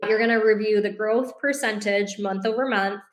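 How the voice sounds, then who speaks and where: A woman's voice: mid-range voice, steady tone, normal speed. A woman with a mid-range voice speaks in a noticeably roomy space. She explains things conversationally, like a podcast trainer, addressing listeners directly and cheering them on. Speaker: co-host of a real estate business training podcast. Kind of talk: conversational instructional talk.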